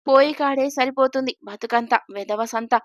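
A woman's voice: high voice, normal speed, no echo, lo-fi sound, close to an everyday voice. A woman voicing a resentful woman of the house who mutters curses while she cooks, in a storybook reading. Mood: grumbling.

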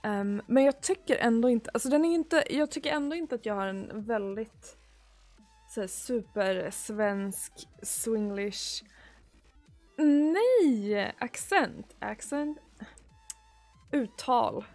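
Faint music plays behind a Swedish woman in her thirties as she giggles through viewer messages on her live stream. Speaking with a Swedish accent into a desk mic on a boom arm in a small room, she has a darkish tone. Her chat is casual and giggly, full of drawn-out pauses.

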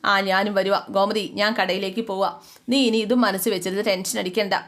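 A woman voicing a kindly older father-in-law who soothes and reasons calmly. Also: medium pitch, brisk, lightly acted. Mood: soothing.

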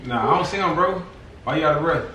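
A young man chatting casually while playing a game, talking low and laid-back. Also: lively intonation, fast talker, sharp tone, recorded from a distance. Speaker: prank target boyfriend. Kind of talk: casual conversation. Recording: roomy, off-mic, faint noise.

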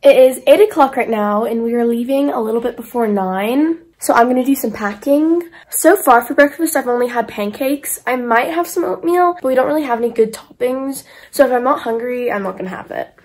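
High-voiced teen girl vlogging. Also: fairly quick, few pauses, a little mellow, husky. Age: teens. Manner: upbeat, walks through her day's plans step by step. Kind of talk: casual travel vlog narration. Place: indoor rooms of a condo and a car. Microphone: phone at arm's length.

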